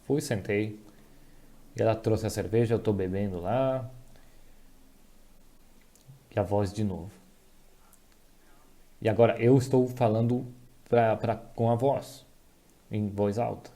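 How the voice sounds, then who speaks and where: A man giving a dubbed voice-over of a personal testimony, talking in a halting way with restarts and self-corrections. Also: on the low side, mellow. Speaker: voice-over interpreter dubbing a testimony.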